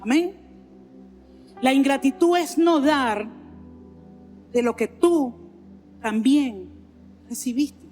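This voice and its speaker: High-voiced Venezuelan woman preaching in a hall. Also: slow, pauses often, a little mellow. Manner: earnest preaching with repeated phrases and frequent "amén". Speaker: pastor. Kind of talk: sermon. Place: large church sanctuary. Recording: long hall reverb, faint music underneath.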